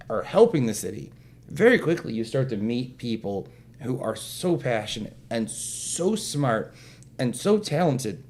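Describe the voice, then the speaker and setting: A man's voice: mid-range voice, a little mellow, a little hiss or hum. Man, casual storytelling, self-mocking, acts out dialogue. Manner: jokey, self-deprecating, acts out quotes. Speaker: event organizer guest.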